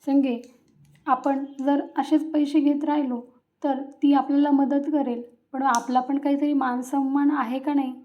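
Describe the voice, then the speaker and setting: A woman's voice: high-pitched, level tone, measured pace. A woman voicing a proud, worried older husband in an earnest, troubled tone. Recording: tinny phone-like sound.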